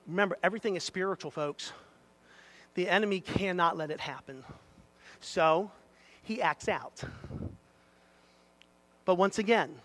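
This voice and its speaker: A male pastor delivers an impassioned sermon in a church. His voice sits very high and rings bright and forceful. He swings from loud exhortation to low, confiding asides and calls out members of the congregation by name.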